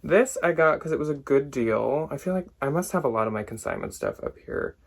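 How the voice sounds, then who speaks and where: A man's voice: on the high side, animated, brisk, creaky. A young man chatting casually through a thrift haul for resale, filled with "like" and small asides, now and then a bit out of breath. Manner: chatty, lots of "like", loses track and laughs at himself. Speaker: thrift reseller vlogger. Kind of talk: casual haul talk to camera.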